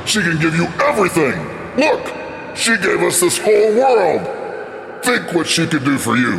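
An actor playing a reedy-voiced winged demon who tempts and wheedles in an audio drama. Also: male voice, a little high, big pitch swings, moderate pace, vocal fry, a bit bright, full character voice. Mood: coaxing. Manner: wheedling, growing agitated. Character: shrieking winged male demon in tower, tempting. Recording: with music and distant.

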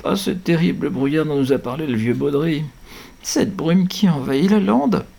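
A man's voice: mid-range voice, big pitch swings, moderate pace, darkish tone, breathy edge, voice pushed up. A man putting on a whimpering little girl. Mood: plaintive. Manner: plaintive, whimpering. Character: timid, tired young girl, easily frightened.

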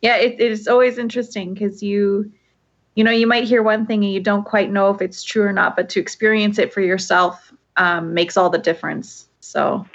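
Speaking over a remote call from her home, a woman hosts a podcast interview in a friendly, chatty way, dropping in lots of fillers. Her mid-range voice holds a steady tone at a moderate pace, and the sound is lo-fi.

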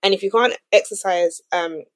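A woman co-hosting a podcast, giving advice in a measured, earnest, conversational way. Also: medium pitch. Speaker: podcast co-host. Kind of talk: casual advice-giving chat.

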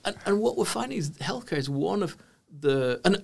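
A middle-aged man speaks as an interview guest, with a gravelly, creaky texture to his voice. He talks in an animated, emphatic way and often restarts his phrases as he builds his points. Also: high-pitched, fairly quick. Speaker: guest, management consultant. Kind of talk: conversational interview answers.

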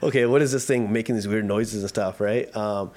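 A relaxed man in his thirties from Canada talks in an easy, unhurried podcast chat. His voice sits on the low side, and he laughs often and restarts his sentences with plenty of fillers. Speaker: guest, digital media co-founder. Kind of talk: casual podcast conversation.

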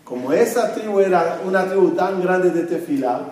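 A man with a fairly high voice teaches a religious lesson, asking the room questions and answering them himself. He weaves Hebrew terms into his talk. The sound is very roomy and echoing, picked up by a mic some distance away. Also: animated, moderate pace, darkish tone. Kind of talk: Torah lesson to a congregation. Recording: very echoey room, mic far off.

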